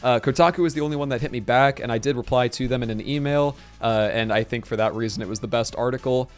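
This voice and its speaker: A man's mid-range voice grows hoarse as he streams live, chatting casually and rambling excitedly at a fast clip about tournament organizing, with faint music in the background.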